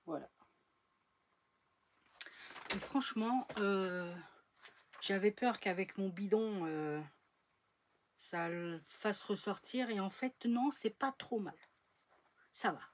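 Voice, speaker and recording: A woman's voice: medium pitch, slow pace, long pauses, a little hiss or hum. A woman chatting casually in a sewing vlog, rambling with fillers and trailing off as she shows her projects. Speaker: sewing vlogger. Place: home sewing room.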